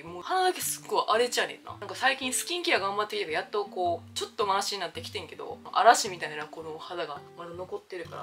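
A woman's voice: mid-range voice, fairly bright tone. A young woman with a Kansai accent chatting casually about her makeup as she applies it, rambling into stories. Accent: Kansai Japanese. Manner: chatty, rambling storytelling while doing makeup. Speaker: beauty vlogger. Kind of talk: casual makeup chat to camera.

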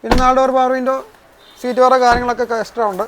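A man's voice: very high-pitched, level tone, quick pace, a bit bright, a little hiss or hum. A man with a Kerala Malayalam accent who mixes English words into his Malayalam, presenting used cars as a dealer in a casual sales walkthrough.

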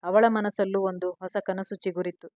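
A woman storyteller narrating a romance in the first person, gentle and emotional. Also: mid-range voice, level tone, normal speed, dry recording.

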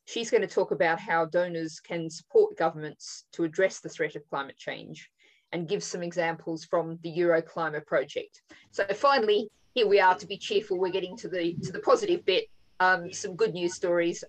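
A woman moderating an online panel discussion over a video call, speaking thoughtfully and haltingly with frequent fillers. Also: fairly low pitch, poor audio. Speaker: webinar moderator.

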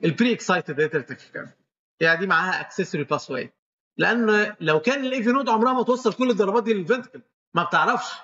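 A man's voice: sits high, expressive, rapid-fire, sharp tone, highs cut off. A man with an Egyptian Arabic accent giving a medical lecture, walking students through each step and quizzing them as he goes.

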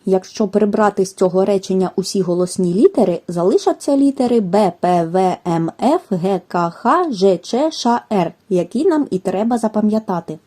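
A woman giving a scripted language lesson, reading rules and examples in a careful, measured way. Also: mid-range voice, expressive, warm tone. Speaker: language teacher. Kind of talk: scripted educational narration.

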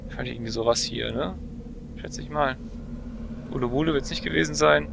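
A man's voice: medium pitch, fairly quick. A young man giving casual gameplay commentary as a let's player, musing and thinking aloud as he goes. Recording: clear background noise from game.

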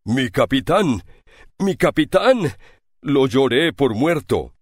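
A man voicing a loyal pirate sailor speaking to his captain with deep emotion. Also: animated, measured pace, dry recording, studio quality. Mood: overjoyed. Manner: emotional, devoted.

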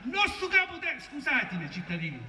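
A local politician with a southern Italian accent from Salento gives a booming, declamatory speech at an outdoor rally, his voice bright and pushed, brisk, with huge pitch swings. He's in an open town square at night, far from a phone camera whose recording comes out echoey, distant and noisy.

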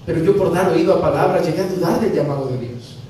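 Man, pastor, animated sermon, booming echo, faint hiss behind. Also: fast. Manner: animated, acting out dialogues with humor. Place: church sanctuary. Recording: very echoey church from a distance, faint noise.

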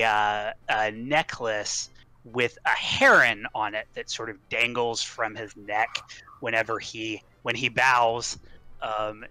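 A man's voice: medium pitch, pushed and bright, smooth, dry recording. A man describing his tabletop character, hesitant and full of ums and uhs. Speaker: player.

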